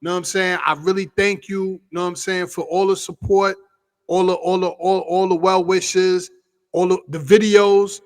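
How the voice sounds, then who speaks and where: A man hosting a casual vlog, giving exuberant, slangy shout-outs to his viewers. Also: sits high, steady tone, moderate pace. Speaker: vlog host.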